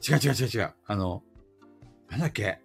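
A man's voice: on the low side, expressive, a little fast, vocal fry, slightly rough, soft background music. A man from Hokkaido, co-hosting a casual group chat in a jokey, teasing manner. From Hokkaido, Japan.

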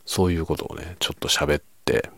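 Speaking quietly as if it were late at night, a male video host keeps up a soft, casual chat that sometimes fades to a whisper. His very deep voice sounds gravelly and husky, his pace is brisk, and the recording has no echo.

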